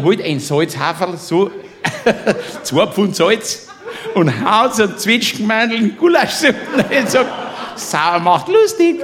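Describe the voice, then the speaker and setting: In a very high-pitched, fairly bright voice, a man with a Bavarian accent tells a comic story in dialect. He is boisterous, keeps laughing through his own tale, and throws chummy asides to the listener.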